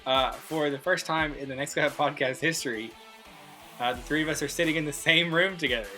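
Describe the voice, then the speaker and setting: A young man with a slightly high, pushed and bright voice speaks fairly quickly, hosting a casual podcast with cohosts in a shared room. He tells rambling stories full of fillers, over soft background music on poor-quality audio.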